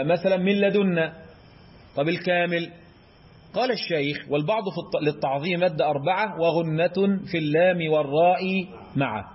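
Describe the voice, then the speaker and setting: A man with an Egyptian Arabic accent gives a recitation lesson in a high, husky voice. He keeps quizzing his listeners and answering for them. The recording is dull and lo-fi. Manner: chants verse examples in a drawn-out recitation tone. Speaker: Quran recitation teacher. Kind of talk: explanatory lesson.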